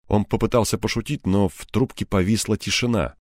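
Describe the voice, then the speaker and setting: A man narrating an audiobook in a measured storytelling voice. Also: on the low side, fairly even intonation, no echo, studio quality.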